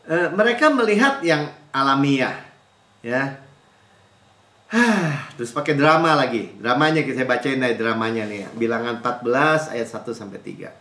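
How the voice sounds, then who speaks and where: A male pastor preaches an animated sermon, jumping between loud mocking impressions and quiet asides. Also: mid-range voice, moderate pace, reverberant. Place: church.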